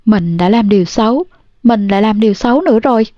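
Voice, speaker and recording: A woman's voice: medium pitch, fast, no room sound, natural voice. A woman voicing a simple-minded giant of a man who pleads in a childlike way, on a dull, dry recording. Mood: frightened.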